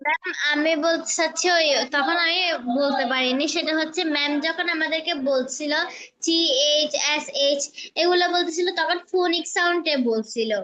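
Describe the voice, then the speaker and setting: High-voiced woman asking a hesitant question. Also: normal speed, pushed and bright. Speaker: student in online class.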